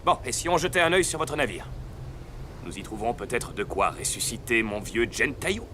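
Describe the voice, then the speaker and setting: A man's voice: medium pitch, expressive, normal speed, background noise, natural voice. A man playing a proud, good-humoured island king and warrior leader in a dubbed film. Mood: playful, curious. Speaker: film voice actor. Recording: film soundtrack with music behind.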